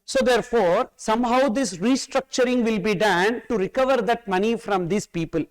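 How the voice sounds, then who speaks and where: A tax course teacher with a South Indian accent lectures his class in a high voice at a moderate pace. He is emphatic and repetitive, repeating phrases and frequently posing questions that he answers himself.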